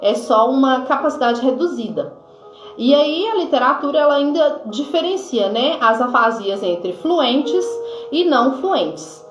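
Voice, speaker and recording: A woman nurse with a Brazilian accent gives an informal health lesson, with many fillers and pauses to check her notes. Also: sits high, animated. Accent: Brazilian Portuguese. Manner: informal teaching, frequent fillers like "né" and "tá"; reads from notes at times. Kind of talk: explanatory health lesson to camera. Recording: echoey room, dull lo-fi sound, faint music.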